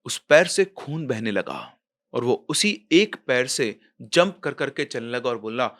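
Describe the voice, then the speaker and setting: A man narrating a horror story in a tense, suspenseful way, dropping quiet at the scary parts. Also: medium pitch, lively intonation, a little slow. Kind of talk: dramatic storytelling.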